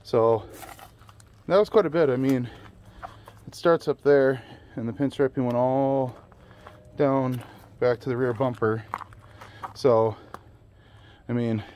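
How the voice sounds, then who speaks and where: A man's voice: mid-range voice, takes it slowly, long pauses, a little mellow, a little hiss or hum. Man working on his truck while vlogging, a bit winded, loose, chatty delivery. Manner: casual, rambling, with fillers and laughs. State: out of breath. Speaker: DIY car vlogger. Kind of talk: casual garage vlog.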